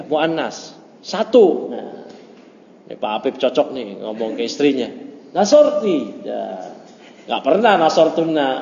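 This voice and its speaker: A man teaching an informal grammar class, joking and chatty, mixing Arabic terms into relaxed explanations. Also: mid-range voice. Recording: muffled echoey room recording.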